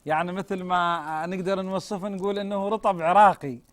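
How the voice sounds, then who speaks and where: High-voiced, quick-talking Iraqi male TV host. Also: fairly even intonation, no echo. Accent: Iraqi Arabic. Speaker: television host. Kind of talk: presenting and interviewing.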